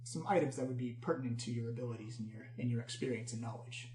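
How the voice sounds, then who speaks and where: A man's voice: mid-range voice, fast, warm tone, close to an everyday voice. A man voicing a proud, ageless male Gith warrior monk who speaks formally and with self-assurance. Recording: roomy echo.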